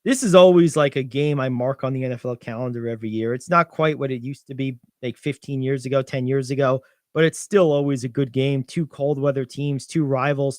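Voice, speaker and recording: A young man co-hosting a sports radio show, animated and confident as he talks through football picks, piling on "I think". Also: mid-range voice, brisk, dry recording, studio quality. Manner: animated, gets louder when excited, many "I think"s. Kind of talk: sports betting talk.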